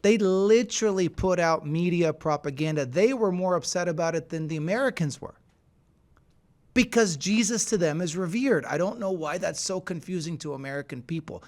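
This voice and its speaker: A podcast co-host, this man makes his case casually but with emphatic insistence. His voice leans high and slightly mellow.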